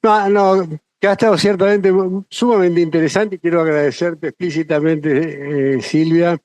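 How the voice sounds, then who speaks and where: A man's voice: on the high side, fairly even intonation, normal speed, darkish tone, no room sound. A middle-aged man, an institute director giving casual closing remarks at a symposium, hesitant with many fillers and restarts.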